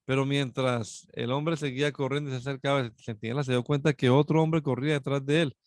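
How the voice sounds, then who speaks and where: A man reading a Bible passage aloud, steady and measured, sometimes correcting himself mid-phrase. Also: medium pitch, dry recording, clean studio sound. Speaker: scripture reader.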